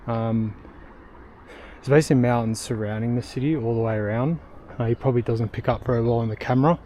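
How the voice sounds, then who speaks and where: A young man narrates a travel vlog into a handheld camera as he hikes up a steep outdoor trail, short of breath. His voice is mellow and warm, and he rambles with plenty of ums and uhs. A faint hiss of outdoor noise sits behind him. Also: medium pitch, steady tone, quick pace. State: out of breath from hiking uphill. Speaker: travel vlogger. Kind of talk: casual walking vlog narration.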